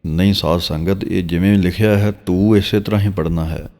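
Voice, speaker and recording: A man with a Punjabi accent and a very low, deep voice gives a scripture pronunciation lesson. He chants the verses slowly and stretches them out, then explains each one at a calm, even pace. A long reverb trails after his words. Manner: slow, drawn-out recitation of verses between explanations. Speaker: Gurbani teacher.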